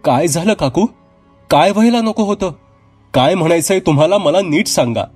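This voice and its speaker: A man's voice: mid-range voice, animated, unhurried, a little mellow, breathy edge, soft background music. A man voicing a frightened, earnest young woman who pleads and raises her voice in distress. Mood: alarmed.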